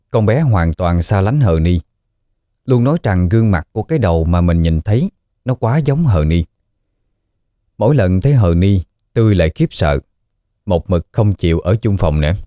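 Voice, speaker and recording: A man narrating a ghost story audiobook in a slow, somber storytelling manner. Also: low-pitched, animated, dark tone, dry recording, studio quality.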